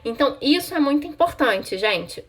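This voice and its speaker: A child psychologist offers parents conversational advice, answering viewer questions directly and often checking in with "tá?". Her voice is high and very animated, and her pace is a little slow.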